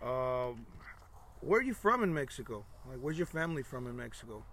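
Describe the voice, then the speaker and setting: Bright, animated man bantering from the backyard. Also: mid-range voice, brisk. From North Portland, Oregon. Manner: slangy, brash, teasing. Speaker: podcast co-host. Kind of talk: casual bantering podcast chat, with swearing. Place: recorded in a house's backyard outdoors.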